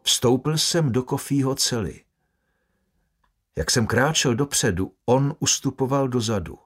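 A man reading a first-person audiobook in a measured, grave storytelling manner. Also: medium pitch, soft background music. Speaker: audiobook narrator.

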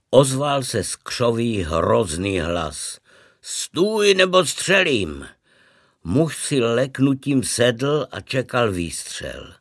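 Man, literary reading, calm measured narration, dry close sound. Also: medium pitch, no room sound. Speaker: reader.

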